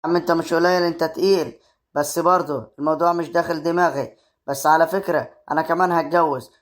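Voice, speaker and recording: A man with an Egyptian accent acting in a comic drama, talking briskly and doubtfully. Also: fairly high pitch, steady tone. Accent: Egyptian Arabic. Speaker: lead character and creator of the web series.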